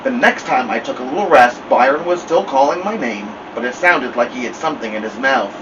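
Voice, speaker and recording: A man hosting a story time, reading a novel aloud in an animated way. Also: medium pitch, fairly quick, dull audio. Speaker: storytime host. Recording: distant mic, air-conditioner hum.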